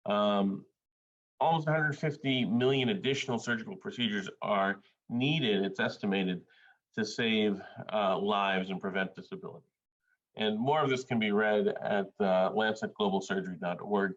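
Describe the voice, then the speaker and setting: This clip features a surgeon from Bangladesh addressing an academic panel, his delivery careful and halting, peppered with fillers. He has a lowish voice, and the recording sounds muffled.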